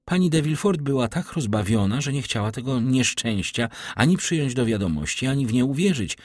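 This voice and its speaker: A man narrating a classic novel audiobook with expressive, varied delivery. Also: medium pitch, fairly quick, no room sound, clean studio sound.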